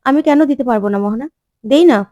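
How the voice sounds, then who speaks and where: A woman voicing a firm, authoritative middle-aged woman doctor giving brisk orders. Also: sits high, dark tone, dry recording, lightly acted.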